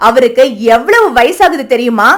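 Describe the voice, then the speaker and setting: Voicing a cartoon's elder daughter-in-law, a grasping, scheming young wife, a woman delivers scolding, sarcastic nagging. Her high voice is expressive and a bit bright, at normal speed.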